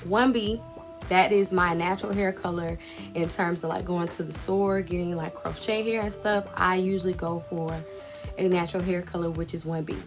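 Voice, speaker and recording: Woman vlogger, lowish voice, casual and chatty with mouthfuls of food, music bed underneath. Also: steady tone, normal speed. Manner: chatty, self-conscious, talks between bites. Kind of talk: casual chat while eating.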